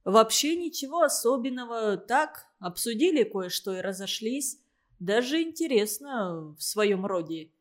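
A woman's voice: on the high side, sing-song, measured pace. A woman reading as a teenage boy, falsely upbeat. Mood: falsely cheerful. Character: teenage boy, forced cheerfulness.

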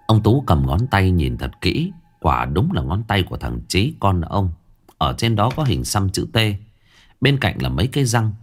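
A man narrating a ghost story in a dramatic, expressive reading style. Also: low-pitched, moderate pace, slightly rough.

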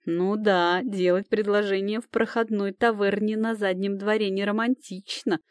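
A woman's voice: medium pitch, fairly even intonation, moderate pace, clear, resonant tone, dry recording, clean studio sound, lightly acted. A woman voicing a mocking young male demon in a story reading, speaking in a joking, teasing way. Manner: joking, laughing.

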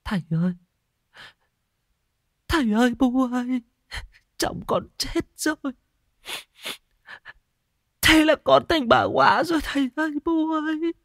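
A terrified young widow in a ghost story, high and weeping as she begs her father to take her home. Her voice climbs far above his, tearful and shaky, in a dry, close recording. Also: expressive, slow pace, vocal fry, long pauses, a bit bright, no echo, full character voice. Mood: wailing. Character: young grieving widowed daughter, frightened and tearful.

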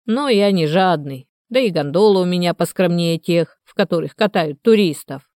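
A woman voicing a hoarse, half-drunk old male canal watchman who grumbles slowly and muses aloud. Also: fairly low pitch, lively intonation, a little mellow, no echo, clean studio sound, lightly acted. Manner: grumbling, slow and musing.

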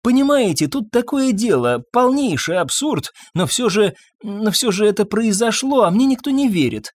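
Man putting on a high fretful little doctor. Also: big pitch swings, moderate pace, no room sound, studio quality. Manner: timid, apologetic, rambling. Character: fussy nervous absent-minded male doctor.

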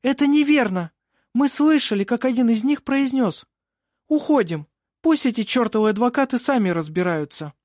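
A man's voice: high-pitched, expressive, moderate pace, darkish tone, no room sound, studio quality, voice pushed up. A man voicing an earnest, distressed young woman testifying in court. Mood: indignant. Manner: pleading, rising to indignant.

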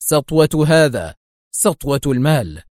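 A man's voice: on the high side, sing-song, unhurried, darkish tone, dry recording, clean studio sound. A man voicing a smug, self-assured male gangster in an audiobook.

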